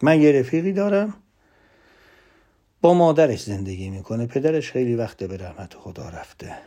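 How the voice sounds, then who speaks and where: A man giving a lively motivational talk, emphatic, swinging between loud asides and hushed whispered lines. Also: mid-range voice. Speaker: motivational speaker.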